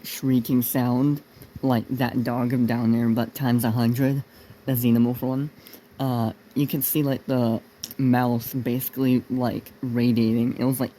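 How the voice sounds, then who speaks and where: A young man telling a personal story in a casual, unscripted way, halting and rambling as he searches for words. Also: medium pitch, dark tone, a little hiss or hum, poor audio. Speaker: video creator narrating a personal story.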